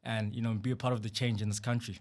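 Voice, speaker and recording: A man's voice: fairly low pitch, flat delivery, quick pace, a little mellow, a little hiss or hum. A young South African man from Durban, a party spokesperson answering interview questions earnestly, often repeating words and saying "you know" as he gathers his thoughts. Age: young adult. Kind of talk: conversational interview.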